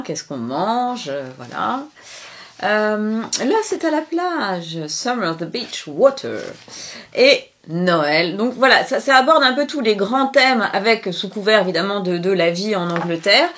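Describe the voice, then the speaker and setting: A woman's voice: on the low side, fairly bright tone. A woman presenting a children's book in a casual review, chatty and hesitant, with many fillers.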